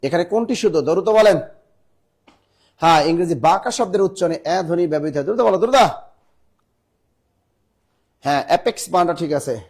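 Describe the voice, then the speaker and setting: A man with a Bangladeshi Bengali accent teaching a live online spelling class, spelling words out letter by letter and urging students to answer fast. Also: fairly high pitch, lively intonation, darkish tone, husky.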